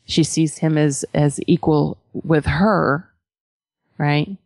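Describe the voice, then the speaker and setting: A woman with a low-pitched voice and a noticeable creak speaks as a spiritual teacher. She is conversational yet emphatic, stopping for pauses and adding little check-in questions, in a close, dry sound. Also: fairly even intonation, a little mellow, dry recording. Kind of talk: spiritual talk to followers, conversational.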